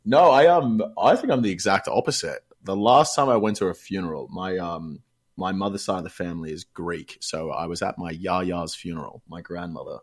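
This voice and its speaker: Deep-voiced laid-back young man. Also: moderate pace. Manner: laid-back, swears freely, slangy. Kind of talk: casual chat.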